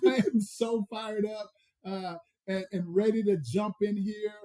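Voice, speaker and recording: This man's voice is high-pitched and dark, with fairly even intonation. He's a personal growth coach from the American South with a Southern accent, preaching emphatically on a motivational podcast and drawing out the stresses.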